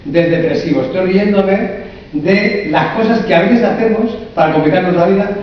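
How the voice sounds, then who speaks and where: Higher-voiced man lecturing in echoey hall. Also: normal speed. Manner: humorous, lively, asks the audience many rhetorical questions. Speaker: coach and therapist speaking at a conference. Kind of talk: live conference talk. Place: large echoey conference hall. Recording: echoey hall from far off, dull sound.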